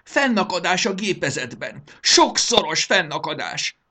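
A man's voice: medium pitch, big pitch swings, sharp tone, voice pushed up. A man reading a storybook aloud and voicing a hysterical, petulant male ruler who shrieks, sobs and whines. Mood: raving. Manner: shrieking, sobbing, manic laughter.

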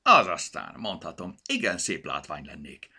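A man voicing an earnest young male elf in a children's storybook, a gentle searcher of lost things. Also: low-pitched, huge pitch swings, gravelly, full character voice. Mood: annoyed.

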